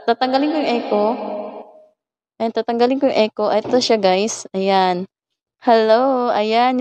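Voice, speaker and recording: A woman's voice: fairly high pitch, darkish tone. A Filipina vlogger, casually demoing her sound card and chatting to viewers. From Philippines. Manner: chatty, addresses viewers as guys. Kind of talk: casual product demo. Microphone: USB sound card mic with effects. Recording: heavy echo effect on voice.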